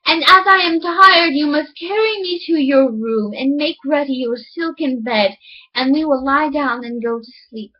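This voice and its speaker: A woman's voice: high voice, a little slow, highs cut off. A woman voicing an insistent storybook frog with demanding, formal speech.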